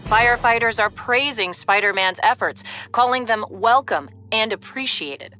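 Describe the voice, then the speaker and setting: A woman's voice: a little high, normal speed, music in the background, lightly acted. An actress playing a female news reporter in a superhero video game, delivering a scripted report. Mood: upbeat.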